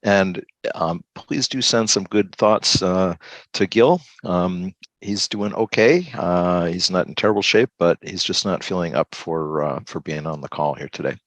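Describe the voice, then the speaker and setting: A man hosting a group video call, relaxed and halting, with many fillers. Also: low-pitched, no room sound. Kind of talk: casual group check-in.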